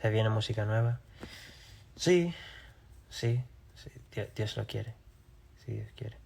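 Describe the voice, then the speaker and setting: A young man from Rhode Island, a singer, chatting casually on a live stream and reading viewers' questions aloud before answering them in a relaxed, offhand way. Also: on the low side, unhurried, creaky, slightly rough. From Rhode Island, USA.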